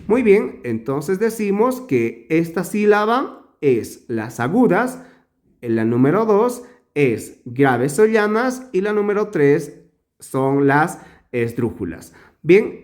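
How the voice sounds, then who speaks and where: A male teacher giving a grammar lesson, slow and emphatic, drawing out words to show where the stress falls. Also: on the high side.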